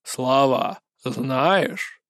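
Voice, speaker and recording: A man voicing a slow, gruff male president who gives orders in a low, deliberate drawl. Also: a bit bright, no room sound, studio quality. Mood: commanding.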